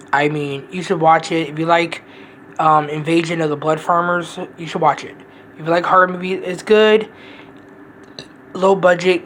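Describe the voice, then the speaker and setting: A woman's voice: lowish voice, a little hiss or hum, poor audio. A woman giving a casual, rambling movie review, blunt and profane, often restarting her sentences.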